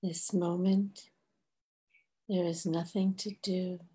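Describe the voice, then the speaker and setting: An older woman leading a guided meditation in a soft, hushed, soothing voice, leaving long pauses. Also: on the low side, flat delivery, husky. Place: bright room at home, indoors. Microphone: video call microphone.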